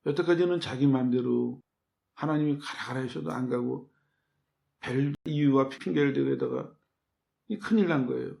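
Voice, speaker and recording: A man delivering a sermon in a mid-pitched voice with a noticeable gravelly fry. He preaches like he is chatting, throwing rhetorical questions to the congregation and answering them himself. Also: moderate pace, dark tone. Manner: acts out quoted voices in his telling. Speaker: pastor.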